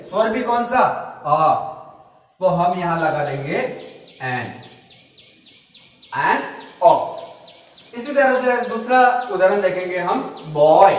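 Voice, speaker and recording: A male teacher giving a grammar lesson, patiently spelling words out letter by letter. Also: high voice. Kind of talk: classroom lesson explaining grammar. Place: classroom or school room. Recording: echoey room, voice from far off.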